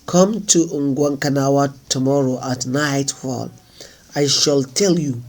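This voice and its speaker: A man's voice: mid-range voice, takes it slowly. A man reading the part of a proud, mocking desert prince with a commanding manner.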